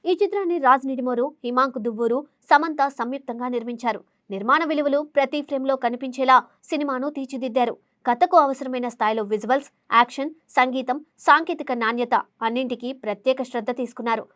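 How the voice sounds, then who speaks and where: High, brisk woman reading film news. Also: a bit bright, no echo, clean studio sound. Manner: formal reading delivery. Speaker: entertainment news narrator. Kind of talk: scripted film news narration.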